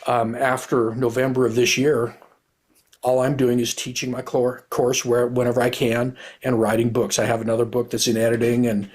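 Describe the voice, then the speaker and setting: A man's voice: mid-range voice, completely flat delivery, normal speed, a little mellow. A middle-aged man speaking with candor, a retired cop who rambles and restarts his sentences. His voice sits in an ordinary middle register, and his delivery is earnest and unpolished. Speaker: guest, retired police officer and author. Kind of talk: candid conversational storytelling.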